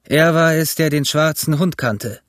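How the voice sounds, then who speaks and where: A gruff old sailor speaks up with a blunt accusation, as a man voices him. The delivery is short and hard. It is recorded close and dry for an audiobook. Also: fairly high pitch, a little slow, a bit bright, no echo. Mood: accusing.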